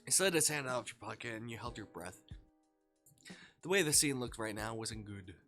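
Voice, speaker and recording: A man's voice: mid-range voice, expressive, normal speed, a bit bright, soft background music. A man streaming live, reading a fan fiction story aloud in second person and breaking into playful asides.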